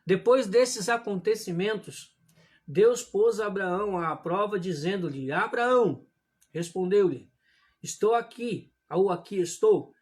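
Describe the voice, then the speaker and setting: A preacher with a fairly high voice reads scripture aloud at a steady, measured pace and calls his listeners brothers. He speaks in a sermon to a livestream camera from a room at home. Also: husky. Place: indoor room at home, religious images behind him.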